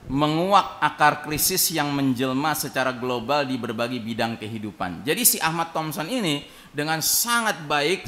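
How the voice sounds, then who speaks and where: A man gives a sermon in a mosque in a bright, ringing voice that sits a bit high for a man. He tells the story with animation, slips into quoted voices, and keeps turning to address his listeners directly. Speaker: preacher.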